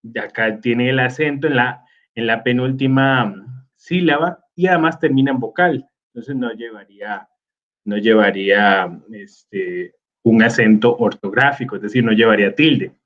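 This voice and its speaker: A man, teaching a recorded slide lesson slowly and filling pauses with hesitations. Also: mid-range voice, lo-fi sound. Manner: slow, with many fillers like "este" and "eh".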